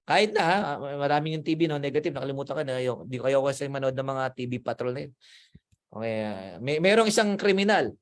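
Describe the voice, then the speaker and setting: A man giving a motivational talk to a group as a financial mentor, animated and acting out little scenes in higher voices. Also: fairly quick. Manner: animated, acts out gossiping voices at higher pitch.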